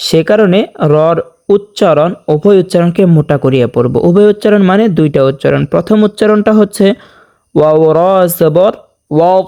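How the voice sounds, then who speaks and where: High, smooth-voiced teacher. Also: male voice, dark tone. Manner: explains rules step by step, then chants verses very slowly; checks in with "okay?". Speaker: Quran recitation teacher. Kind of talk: tajweed lesson with slow recitation.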